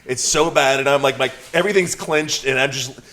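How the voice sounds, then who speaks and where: A man's voice: medium pitch, brisk. A man co-hosting a podcast, telling crude stories and teasing his partner in casual chat. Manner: crude, teasing, animated storyteller. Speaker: podcast co-host, promoter.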